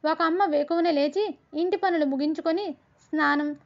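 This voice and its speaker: A woman storyteller with a high voice reads a children's tale steadily, ticking through each step. The sound is dull and lo-fi. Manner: steady, measured listing. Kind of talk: storybook narration. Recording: dull lo-fi recording.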